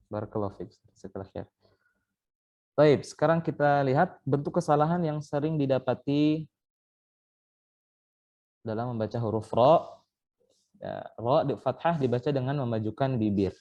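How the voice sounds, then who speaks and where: A man's voice: medium pitch, mellow, muffled recording. A man teaching Quran recitation in an online training session, patiently explaining step by step and sounding out letters as examples. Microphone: online call.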